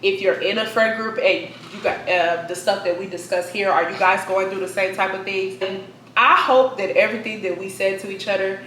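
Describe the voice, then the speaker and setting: Mid-twenties woman host, chatty, bright tone, roomy echo. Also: medium pitch, fairly even intonation, brisk, slight background noise. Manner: chatty, addresses viewers directly. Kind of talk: casual chat.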